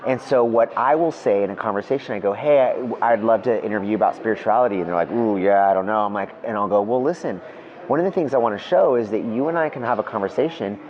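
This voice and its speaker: Speaking quickly in a lowish voice, this man appears as a guest evangelist in an interview, telling stories in a casual, relaxed, enthusiastic way and frequently dropping "man" and "dude." The lo-fi recording has music in the background and slight background noise.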